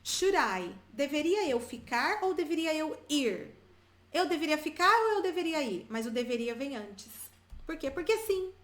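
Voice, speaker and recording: A Brazilian woman teaching English to viewers, chatty and repeating example phrases slowly for learners. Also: high voice, reverberant. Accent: Brazilian Portuguese. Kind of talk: bilingual English lesson, addressing viewers.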